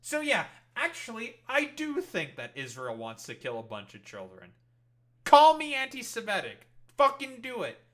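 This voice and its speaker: A man's voice: very high voice, huge pitch swings, normal speed, a bit bright. A man streaming and reacting to clips, talking in a heated, sarcastic, swear-filled rant. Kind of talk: profane rant commentary.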